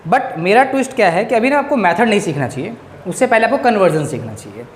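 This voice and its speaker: A male economics teacher giving a classroom-style lecture, drilling his students with quick questions. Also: high voice, sing-song, slight background noise. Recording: echoey room.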